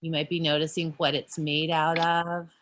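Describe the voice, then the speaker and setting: Speaking in a low, level, slightly bright voice, a female art educator guides teachers through a video-call workshop. Her explanations are patient, full of pauses and self-corrections, with slight background noise.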